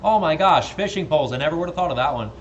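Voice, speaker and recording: Male auctioneer on a live stream; steady repeated bid chant, friendly asides, light noise underneath. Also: fairly high pitch, very fast, highs cut off.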